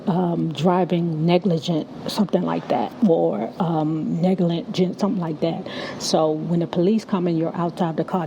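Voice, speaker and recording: A woman's voice: fairly low pitch, dull audio, noisy background. A woman giving casual, blunt, profane gossip commentary in slangy speech, slightly slurred by the retainer in her mouth. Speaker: YouTube commentary host.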